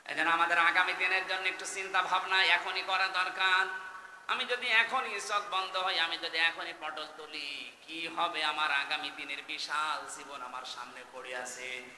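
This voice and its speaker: A man preaching a Bengali waz sermon, swinging from low intoning to loud shouted exhortation and chanting Arabic verses. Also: flat delivery, normal speed, reverberant, in a large hall, slight background noise. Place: large outdoor gathering.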